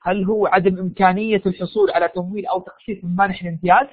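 A man's voice: high voice, very fast, no echo. A Saudi man lecturing in a live online class, quizzing his students, sick with a sore throat. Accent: Saudi Arabian. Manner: animated, coaxes students with quiz questions. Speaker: university lecturer. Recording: dry, phone-like online lecture audio.

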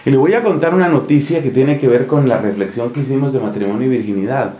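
Un hombre de Colombia, con acento colombiano, que predica en un retiro espiritual con tono conversador y humorístico, dramatizando escenas. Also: male voice, mid-range voice, warm tone. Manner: conversational, humorous, acts out scenes. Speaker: preacher leading a retreat. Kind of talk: retreat sermon. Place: monastery, indoors. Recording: echoey room.

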